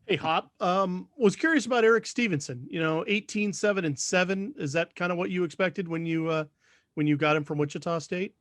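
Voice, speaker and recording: A man's voice: high-pitched, a little fast, fairly bright tone, no room sound, studio quality. A male sports reporter asking a coach questions at a press conference, hesitant and restarting his sentences.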